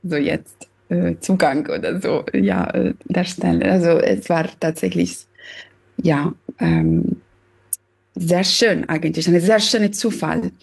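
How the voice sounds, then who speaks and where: A woman from Sicily with an Italian accent, a pianist talking haltingly as a guest over a video call from home. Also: lowish voice, creaky, darkish tone, husky. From Sicily, Italy. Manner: hesitant, searching for words, laughs often. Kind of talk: casual interview on video call. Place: her home.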